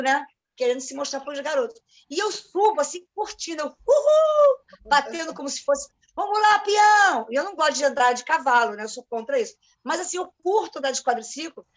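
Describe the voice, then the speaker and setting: A woman with a Rio de Janeiro Brazilian accent telling stories in casual chat, animated and acting out the dialogue in different voices. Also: high voice. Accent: Brazilian Portuguese, Rio de Janeiro.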